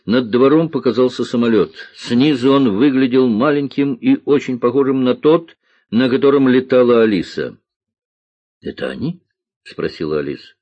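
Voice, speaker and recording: A man reading a children's story aloud with expressive storytelling, in a dull lo-fi recording. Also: mid-range voice, moderate pace. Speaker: narrator.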